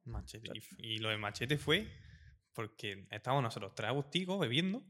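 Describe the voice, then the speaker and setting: A man co-hosting a podcast, making relaxed, agreeable remarks in casual chat. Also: medium pitch, moderate pace. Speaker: podcast co-host.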